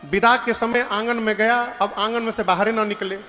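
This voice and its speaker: A man's voice: high-pitched, steady tone, moderate pace, sharp tone. A man giving a devotional sermon, talking with his audience and acting out the dialogue in his stories. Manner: conversational, questions the audience, acts out dialogue. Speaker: kathavachak, religious storyteller. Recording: reverberant hall with faint music.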